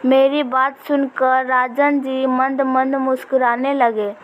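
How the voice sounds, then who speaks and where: A young woman narrating a first-person family story from a script, in a slow, even storytelling manner. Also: high-pitched, highs cut off, slight background noise.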